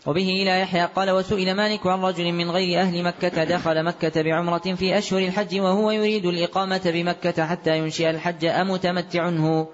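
Sex: man. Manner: fast, flat, high-pitched recitation. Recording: dull, reverberant hall. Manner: rapid, even reading with brief restarts and occasional chanted tones. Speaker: student reading the text aloud. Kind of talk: fast recitation of a classical text.

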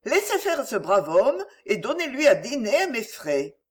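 An audiobook reader voicing an elegant lady with a soft, musical voice and ironic impatience. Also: mid-range voice, very animated, a little slow, pitched above the performer's own voice.

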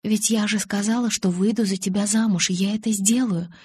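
A woman reading an audiobook, voicing an impatient, exasperated young woman in love, pleading and animated. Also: mid-range voice, a little fast, slightly rough, dry recording.

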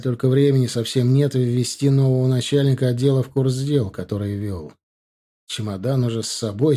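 A man reading an audiobook in a measured, slightly wry narrating voice. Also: mid-range voice, mellow. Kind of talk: scripted narration.

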